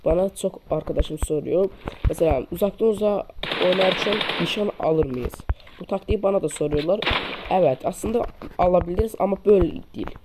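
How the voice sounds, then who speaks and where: This tips creator talks a little fast, casually showing viewers he calls friends how to play a mobile shooter over screen recording. Each point gets repeated and demonstrated, all on a weak mic full of loud gunfire and clicking.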